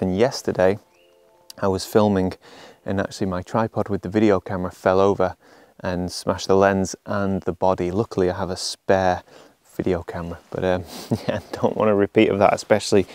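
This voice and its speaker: Calm man filming himself in an autumn forest. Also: low voice, moderate pace, dry recording. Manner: calm, explanatory, counts a long exposure in a whisper. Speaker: landscape photographer. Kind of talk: on-location vlog narration. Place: outdoors in an autumn beech forest.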